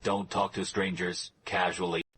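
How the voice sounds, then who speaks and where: A man voicing a calm, unhurried Taoist master in an anime dub, with a composed delivery. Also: low-pitched, slight background noise. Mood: calm, measured.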